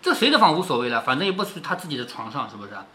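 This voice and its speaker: A man's voice: medium pitch, big pitch swings, rapid-fire, bright, forceful tone. A middle-aged man reading a classic novel aloud to his daughter and retelling it in plain words, playful and often checking with her by asking "isn't it?". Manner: playful, laughs along with his child. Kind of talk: storytelling read-aloud with chatty commentary.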